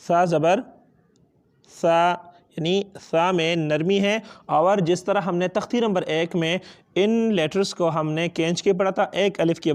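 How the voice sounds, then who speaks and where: A man with a Pakistani accent teaching Quran reading step by step, patiently asking and answering his own questions and stretching out letter sounds. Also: high-pitched. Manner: switches between two languages. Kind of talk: step-by-step lesson.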